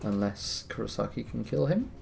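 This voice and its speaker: Gravelly man, wry game commentary. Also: lowish voice, moderate pace, slight background noise. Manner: relaxed, wry, thinking aloud. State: tired, yawning. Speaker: gameplay commentator. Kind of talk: casual let's-play commentary. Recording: music playing behind.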